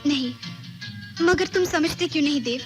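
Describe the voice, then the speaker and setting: A woman's voice: sits high, normal speed, music in the background, lightly acted. A woman playing a sorrowful withdrawn young widow. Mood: subdued. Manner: quiet, curt, subdued. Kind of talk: 1980s film dialogue. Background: film score.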